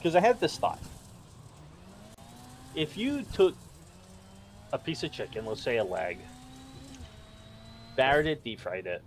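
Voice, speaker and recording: A man's voice: medium pitch, huge pitch swings, measured pace, long pauses, slight background noise. A man co-hosting a podcast in casual chat, rambling as he reads his notes aloud. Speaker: podcast co-host.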